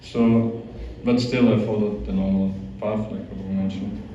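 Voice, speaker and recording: Addressing a youth group as a guest, this young monk from Austria speaks with an Austrian accent, filling his unsure, informal talk with restarts and fillers. His fairly low voice is mellow, flat, and unhurried, and the recording from a large hall is echoey, distant, and dull, with a little background noise.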